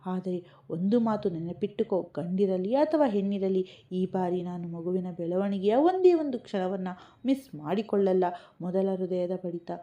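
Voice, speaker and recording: A woman's voice: medium pitch, normal speed, mellow, muffled recording, lightly acted. A woman reading as a tender, eager young husband. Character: loving emotional young husband and father.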